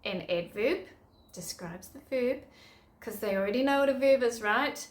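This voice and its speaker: A woman's voice: on the high side, expressive, normal speed, echoey room. A middle-aged woman, giving upbeat, chatty teaching tips to other teachers. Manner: chatty, upbeat, self-correcting.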